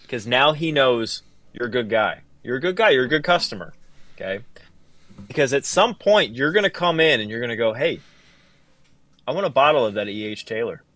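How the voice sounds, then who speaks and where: A man's voice: mid-range voice, fairly bright tone, no echo. A man co-hosting a casual podcast chat, swearing freely and repeating himself for emphasis. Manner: profane, rambling, emphatic. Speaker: podcast co-host.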